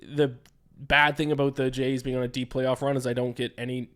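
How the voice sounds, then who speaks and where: A man's voice: medium pitch, little pitch movement, a little fast, fairly bright tone. A tired young man hosting a casual solo sports betting podcast. He rambles and gets distracted, with frequent "uh" and "um" fillers. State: tired, yawning.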